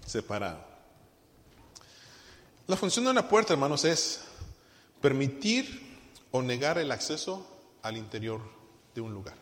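A man preaching a sermon, asking the congregation questions and swinging from loud emphasis to quiet. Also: medium pitch, sing-song, unhurried, long pauses, a little hiss or hum. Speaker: pastor. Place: church hall. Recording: long reverb of a church hall.

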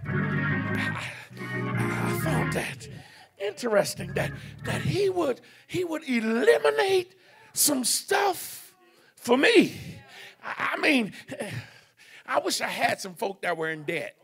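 A man preaching a fervent sermon in a church, breaking into shouts and calling out to the congregation. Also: extremely high pitch, sing-song, takes it slowly, creaky, husky, faint music behind. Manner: fervent, shouting in bursts, call-and-response with the congregation. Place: church sanctuary.

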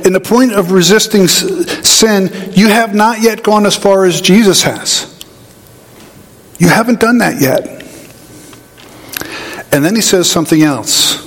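A man preaching a sermon, an animated storyteller who acts out voices in his anecdotes. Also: high-pitched. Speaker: pastor. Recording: hall reverb.

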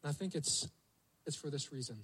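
A man's voice: a little high, fairly quick, a bit bright, breathy edge, rough recording. A male pastor preaching a sermon, telling the story vividly and asking the congregation rhetorical questions.

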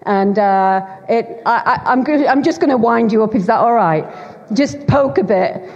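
A middle-aged guest preacher with a Lancashire accent, from Bolton in Greater Manchester, sounds animated, with a fairly high, darkish voice at a moderate pace. She chats, teases and makes fun of herself while preaching to a church congregation. Recorded in a church hall, the audio is dull with a long reverb.

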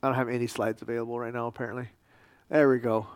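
A man, a pastor teaching a church history class, lecturing casually with halting ums and wry, sarcastic asides. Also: mid-range voice, little pitch movement, clear, resonant tone, dry recording.

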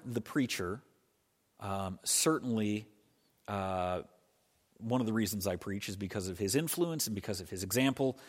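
A man preaching a conversational sermon as pastor, explaining things patiently and often restarting his phrases. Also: fairly low pitch. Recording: reverberant hall sound.

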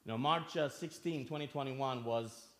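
A man's voice: mid-range voice, unhurried, fairly bright tone. A man from Albania preaching a sermon in church, earnest, asking the listeners questions and repeating phrases for emphasis.

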